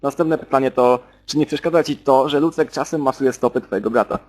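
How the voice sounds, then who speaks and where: A man hosting an amateur joke interview show in formal, announcer-style phrases. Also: medium pitch. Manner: fast, formal host phrasing. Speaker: host.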